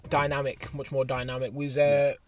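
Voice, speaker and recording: A man's voice: medium pitch, monotone, a little fast, far from the mic, a little hiss or hum. A British man hosting a casual, slangy sports podcast, recorded out in a car park. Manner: informal, slangy. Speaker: podcast host.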